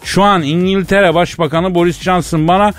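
A man from Elazığ telling a comic story as a radio co-host, chatty and lively. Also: high-pitched, normal speed, a little hiss or hum. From Elazığ, Turkey. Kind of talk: comic radio banter with a fake phone call.

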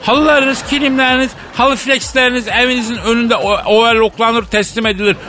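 A man voicing a street vendor who hawks rug hemming by shouting high and strained into a microphone. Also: fairly even intonation, fairly quick, slight background noise. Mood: hawking.

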